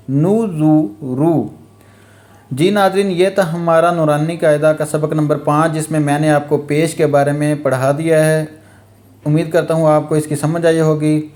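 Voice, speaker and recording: Mellow-voiced man drilling Quran letters. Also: fairly high pitch. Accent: Pakistani Urdu. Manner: slow repetitive spelling drills, letter by letter; explains quickly between drills. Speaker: Quran reading teacher. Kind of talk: Noorani Qaida phonics lesson.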